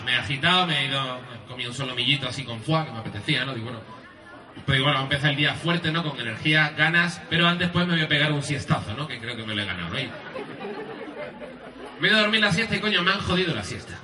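A man's voice: fairly high pitch, reverberant, recorded from a distance. A man from Andalusia with an Andalusian accent doing a rambling, crude, self-mocking stand-up routine. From Andalusia, Spain. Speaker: stand-up comedian. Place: live comedy venue. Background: audience laughter and applause.

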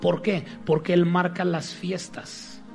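Male preacher: high, gravelly voice, playful and engaging, leads the congregation in call-outs, faint music behind. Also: slow pace. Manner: humorous, lively, prompts the congregation to repeat lines. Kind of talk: sermon.

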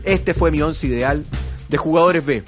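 High-voiced, exclamatory Chilean football presenter. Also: male voice, moderate pace, music in the background. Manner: exclamatory, enthusiastic. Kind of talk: opinionated nostalgic football talk.

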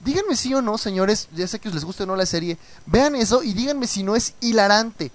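A man hosting a radio show, chatting casually and reading listener messages with animated, mocking asides, troubled by a cough. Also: high-pitched, normal speed. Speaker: radio host. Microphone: studio mic with headphones.

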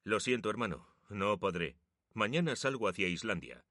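A man's voice: lowish voice, big pitch swings, normal speed, pushed and bright, dry recording, studio quality, full character voice. A man voicing a proud young photographer who talks earnestly and jokes with his brother. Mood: joking. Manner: earnest, sometimes teasing.

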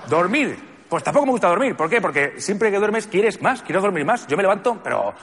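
Spanish comedian, deadpan and lively pitch. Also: male voice, fairly quick, breathy edge. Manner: deadpan, lists grievances, acts out quoted people. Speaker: stand-up comedian. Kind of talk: stand-up monologue. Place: theatre stage with live audience. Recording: stage mic with audience laughter and noise.

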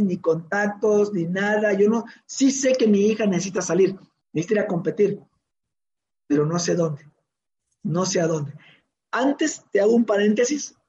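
A man, a father telling an interviewer a story in an animated way, often restarting his sentences and acting out the dialogue. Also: high-pitched. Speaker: interview guest, father of a young tennis player. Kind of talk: conversational storytelling. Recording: slightly dull recording with faint hiss.

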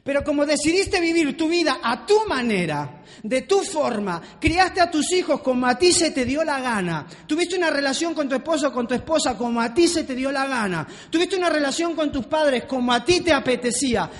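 A man preaching a sermon to a congregation in a church hall, driving his points home with repeated rhetorical questions. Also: extremely high pitch. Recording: long reverb of a large hall.

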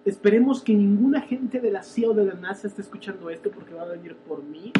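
A young Mexican man with a fairly high voice co-hosts a comedy podcast. He tells stories in animated, theatrical bursts and jokes with his partner. His delivery is playful and exaggerated. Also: fast, a little hiss or hum. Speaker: podcast co-host. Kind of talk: joking podcast banter.

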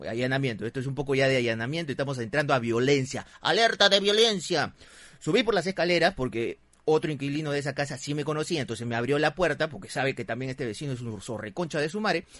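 A man's voice: medium pitch, quick pace, few pauses, no room sound. A young man with a Peruvian accent hosting a comedy podcast, retelling a listener's story with lots of swearing and acted-out voices. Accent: Peruvian Spanish. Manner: animated, swears often, acts out the people in the story with big voice jumps. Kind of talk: comic storytelling, live podcast.

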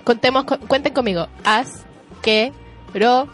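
Young chilean woman goofing around, kinda high voice, faint music behind. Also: a little fast. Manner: playful, joking, dry humor. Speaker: co-host. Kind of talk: casual banter.

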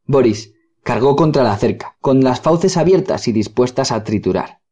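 A man narrating a short story as an audiobook in a measured, solemn manner. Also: mid-range voice, animated, dark tone, breathy edge. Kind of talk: audiobook reading. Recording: dull lo-fi sound.

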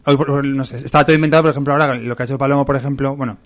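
A man's voice: mid-range voice, racing. A man chatting as a radio guest, telling anecdotes animatedly and acting out what others said. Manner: animated storyteller, quotes others in voices. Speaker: radio guest, former TV contestant. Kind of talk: casual radio chat.

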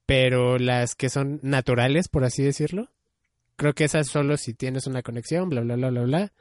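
A young man talks casually at a middle pitch. He muses and hedges, with plenty of fillers. The sound is dry and close, with no room around him. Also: normal speed, darkish tone, dry recording. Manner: musing, hedging, many fillers. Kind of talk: casual chat about anime.

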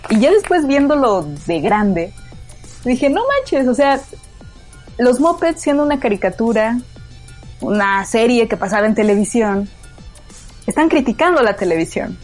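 A woman's voice: fairly high pitch, expressive, moderate pace, darkish tone, faint music behind. A woman with a Mexican accent chatting casually and reflectively as a co-host. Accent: Mexican Spanish. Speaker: podcast co-host. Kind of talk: casual chat.

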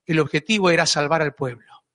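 High, bright Argentine preacher in a hall. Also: male voice, brisk. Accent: Argentine Spanish. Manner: emphatic preaching with frequent rhetorical "¿eh?" and repetitions. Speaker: pastor. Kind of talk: sermon. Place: church hall. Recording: echoey church hall.

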